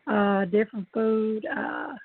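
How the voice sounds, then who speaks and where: A woman from Louisiana with a slow Southern drawl, chatting casually as a guest over the phone. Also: mid-range voice, flat delivery, no room sound. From Louisiana, United States. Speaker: podcast guest. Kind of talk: casual chat. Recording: dull, dry lo-fi phone call.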